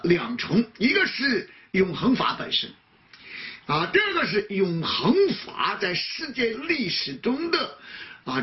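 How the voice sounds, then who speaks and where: High, lively man preaching a sermon. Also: dull audio. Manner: filler "啊" before many phrases, rhetorical questions.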